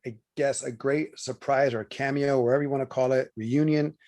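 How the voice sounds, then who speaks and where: A man co-hosting a relaxed watch-party stream. He rambles, restarts sentences and trips over names, filling gaps with "you know". His voice sits at an everyday middle pitch. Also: normal speed. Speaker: co-host. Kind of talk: casual watch-party chat.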